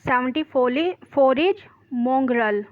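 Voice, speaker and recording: Woman, teacher, very slow delivery, fairly high voice, dry muffled sound. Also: expressive, dry recording. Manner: reads questions slowly, explains quickly, mixing Hindi and English. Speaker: English teacher. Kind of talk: exam practice lesson.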